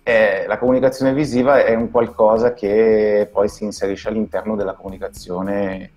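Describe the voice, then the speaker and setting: A man with an Italian accent, a guest designer, explaining things in a halting way that repeats words over a video call. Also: lowish voice, little pitch movement, darkish tone, faint music behind. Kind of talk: casual video call interview.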